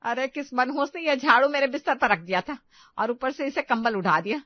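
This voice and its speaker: A woman's voice: sits high, fairly quick, no room sound. A woman doing a grumbling older mother-in-law. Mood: annoyed. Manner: scolding, grumbling. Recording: dull lo-fi dry recording.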